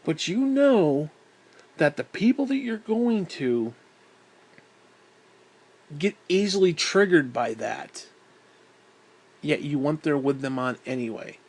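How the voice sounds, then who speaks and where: A man's voice: a little high, big pitch swings, slow pace, pauses often. A man ranting in a vlog, blunt and exasperated, swearing constantly and sighing heavily. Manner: profane, blunt, exasperated, with heavy sighs. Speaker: vlogger. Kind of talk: angry ranting monologue.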